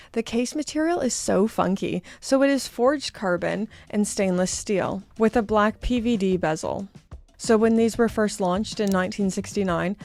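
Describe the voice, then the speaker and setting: A woman's voice: mid-range voice, gravelly, darkish tone. A young woman with a Canadian accent, hosting a casual watch review with a chatty, self-deprecating manner. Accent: Canadian English.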